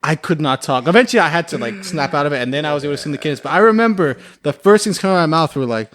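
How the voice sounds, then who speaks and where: Young male podcast guest, quick and a bit high-pitched, loose rambling anecdotes with frequent laughs. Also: animated, a bit bright. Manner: rambling, laughs often, fills with "like". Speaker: podcast guest, military veteran. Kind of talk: casual storytelling chat.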